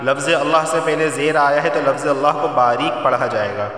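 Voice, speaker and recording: A man teaching the Quran, chanting verses slowly and melodically, then explaining the recitation rules in a plain, patient lecturing voice. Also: on the high side, fairly even intonation, a bit bright. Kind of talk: Quran recitation and tajweed lesson. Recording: roomy echo, long reverb, distant mic.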